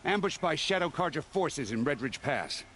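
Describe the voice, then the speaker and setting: An actor playing a haughty, officious city gate guard in a video game, pompous and scornful. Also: male voice, fairly high pitch, very animated, moderate pace, fairly bright tone, slight background noise.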